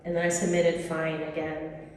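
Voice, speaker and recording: A singer and gigging musician from the Dominican Republic chats loosely in an onstage interview at a live music venue, her speech full of fillers. Her low, darkish voice is monotone and moderately paced, picked up from a distance in an echoey hall with slight background noise.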